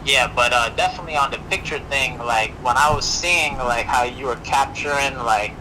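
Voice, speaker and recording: A man's voice: medium pitch, moderate pace, pushed and bright. A male caller on a phone-in show, talking casually with many fillers, his call played through a speaker into the host's microphone. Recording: noisy call heard from a distance through a speaker.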